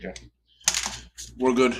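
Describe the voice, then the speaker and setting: Talking a little slowly over some background noise, this fifty-something man fixes old computers on a livestream. His chat is casual and rambling, and he often corrects himself while he works.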